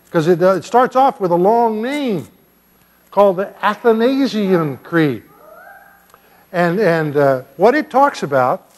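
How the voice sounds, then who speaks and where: An older man, a pastor giving a children's sermon in a church sanctuary, gently and playfully asking the kids questions. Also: sits high. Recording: long church reverb.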